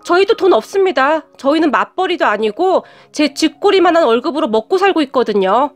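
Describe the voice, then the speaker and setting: A woman's voice: sits high, lively intonation, a little fast. A woman voicing a husband who speaks curtly and firmly. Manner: curt, firm. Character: firm, blunt younger husband.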